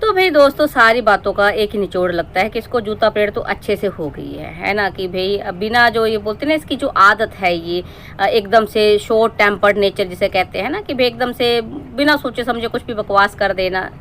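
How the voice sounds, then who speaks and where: A woman's voice: mid-range voice, normal speed, fairly bright tone, a little hiss or hum. A woman from Himachal Pradesh giving a scolding, sarcastic roast monologue as a reaction-channel commentator, lecturing her target at length.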